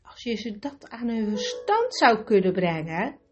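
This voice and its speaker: A woman's voice: mid-range voice, big pitch swings, a little slow, muffled recording. Woman doing a wry old magician.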